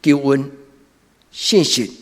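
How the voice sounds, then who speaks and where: In a big reverberant church hall, a male pastor with a Taiwanese Hokkien accent delivers a sermon. His mid-pitched voice moves in short, deliberate phrases with preacherly emphasis, each one trailing a long echo.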